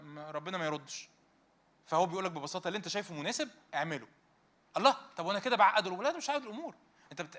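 Rapid, bright-voiced Egyptian preacher. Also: male voice, high voice. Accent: Egyptian Arabic. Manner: animated, fires rhetorical questions at the audience. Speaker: youth meeting speaker. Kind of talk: conversational sermon.

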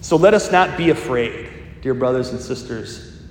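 A man's voice: mid-range voice, expressive, moderate pace, slight background noise. A priest in his fifties giving a homily in a conversational, storytelling way. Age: 50s. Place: church. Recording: echoey church, long reverb, faint ambience.

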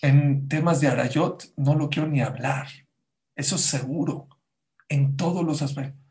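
A man's voice: fairly high pitch, measured pace, darkish tone. A man preaching a Torah sermon, emphatic and questioning his listeners directly, with Hebrew religious terms mixed in. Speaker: rabbi teaching a Torah class. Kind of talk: Spanish-language Torah sermon. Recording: roomy echo.

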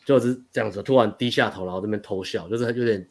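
A young man with a fairly low, darkish voice, a dating coach, tells a story in casual conversation. He rattles through it quickly, rambling, restarting often and laughing along the way.

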